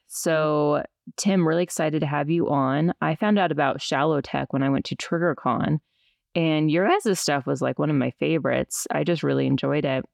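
Creaky woman podcast host, stiff-mouthed from dental work. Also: low-pitched, moderate pace, dry recording, studio quality. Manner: stiff-mouthed speech, numb-jawed after dental work. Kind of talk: casual podcast chat.

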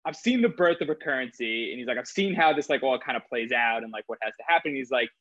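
A man's voice: medium pitch, animated, fast talker, fairly bright tone, dry recording. Rambling man with filler-heavy talk. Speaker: guest, crypto trader. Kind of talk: casual interview talk. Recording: dull, slightly lo-fi dry sound.

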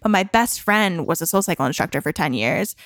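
A woman's voice: fairly low pitch, lively intonation, fairly quick, a bit bright, dry recording. Young woman musician chatting away, says "like" a lot, dry close mic. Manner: giggly, chatty, lots of "like". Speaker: musician guest. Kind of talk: casual interview chat.

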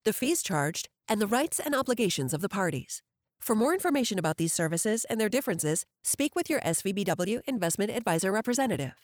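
A woman narrates a scripted legal disclaimer for a financial podcast, reading formally and precisely. Her voice is medium-pitched, recorded cleanly in a studio with no room sound.

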